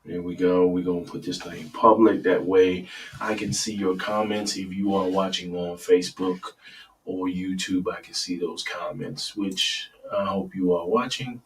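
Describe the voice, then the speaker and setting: A man hosting a casual live sports talk stream in a low early-morning radio voice, talking straight to his viewers. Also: a little slow, distant mic, poor audio. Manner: relaxed, talks straight to viewers, asks for comments. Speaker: sports talk show host.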